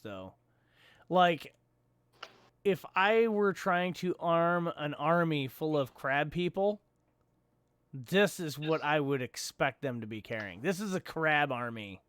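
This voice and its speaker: A man's voice: a little high, a bit bright, no echo. A man hosting a casual live stream, joking about pictures and reading out chat messages. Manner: joking, amused, reads chat aloud. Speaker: show host. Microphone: desk microphone.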